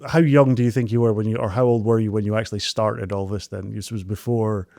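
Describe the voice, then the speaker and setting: A man hosting an interview podcast, energetic and excitable, chatting casually and laughing often. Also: lowish voice, fast talker, vocal fry, no room sound, clean studio sound. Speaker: podcast host.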